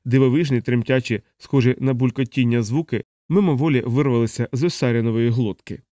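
A man reading a novel aloud in steady, even scripted audiobook narration. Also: medium pitch, a little fast, no echo, clean studio sound.

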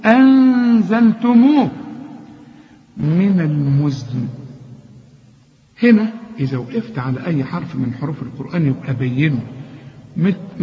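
A man with an Egyptian accent teaching Quran recitation, correcting mistakes and slowly demonstrating each word. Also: a little high. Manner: corrects learner's mistakes, demonstrates words slowly and repeats them. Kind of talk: tajweed lesson, explaining and modeling recitation. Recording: dull lo-fi recording with long reverb.

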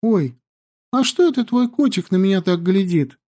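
A man's voice: high voice, lively intonation, moderate pace, mellow, pitched above the performer's own voice. A male reader voicing a flighty, wide-eyed young woman from the capital who chatters and wheedles. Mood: chattery. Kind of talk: audiobook character voice.

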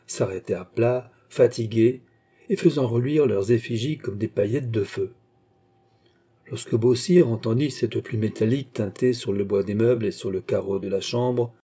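A male audiobook reader narrates a classic novel in a slow, measured way. His voice is very dark and somewhat husky. It sits at a middle pitch.

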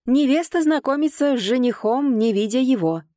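A short, fussy little steward in silver robes bellows wedding proclamations at the top of his voice, as a woman reads him. He sits high and loud, announcing each rite like a herald in an audiobook. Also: normal speed, dry recording, clean studio sound, natural voice. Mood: proclaiming.

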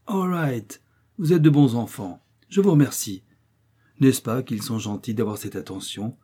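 A man voicing a cheerful fortyish naval captain, speaking jovially and with a raised, lively voice, in an audiobook. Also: medium pitch, measured pace, slightly rough. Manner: jovial, warm-hearted.

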